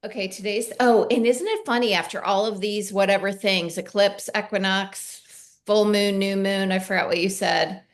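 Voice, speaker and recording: A woman co-hosting a casual talk show, animated and quick to swear, often quoting her own thoughts aloud. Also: mid-range voice. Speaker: co-host. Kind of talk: casual chat.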